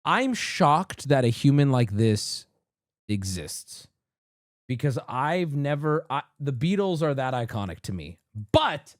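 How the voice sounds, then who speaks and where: A man livestreaming, reacting to clips in casual chat and often bursting into excited shouting. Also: fairly high pitch, no room sound, studio quality.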